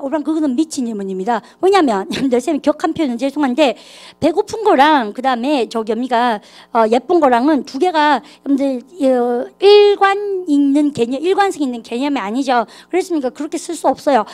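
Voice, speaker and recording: High-voiced lively woman teaching a class. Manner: lively, coaxing students to repeat aloud. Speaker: English grammar teacher. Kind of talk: classroom lecture.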